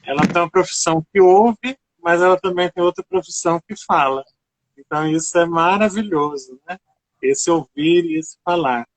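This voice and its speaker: A man's voice: on the high side, normal speed, no room sound, low-quality recording. A man hosting a live stream, introducing a guest in an encouraging way.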